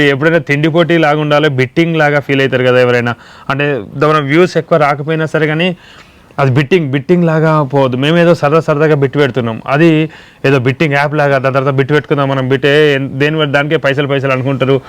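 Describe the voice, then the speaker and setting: A man chatting casually on a home vlog, answering viewers at a brisk, tumbling pace. His voice is crisp and smooth, a touch high for a man. The recording is dry and close. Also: steady tone, no echo. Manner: fast, rambling explanations. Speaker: vlog co-host. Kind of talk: casual chat reading viewer comments.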